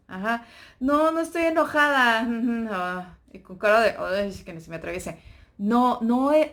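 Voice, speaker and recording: A woman giving an informal devotional talk to a youth group, lively and playful, acting out little voices as she goes. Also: mid-range voice.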